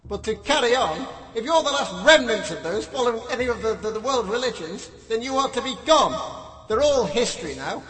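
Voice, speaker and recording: A man's voice: extremely high pitch, animated, brisk, echoey room, long reverb tail, far from the mic, crowd noise. A man voicing a pompous, bombastic tyrant leader who proclaims himself God, in a comedy audio sketch. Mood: grandiose.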